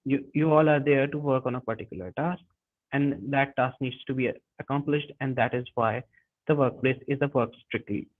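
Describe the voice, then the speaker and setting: A man presenting a webinar lesson, talking haltingly with frequent restarts and self-corrections. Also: mid-range voice, steady tone. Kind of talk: lecture on workplace communication. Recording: tinny phone-like webinar audio.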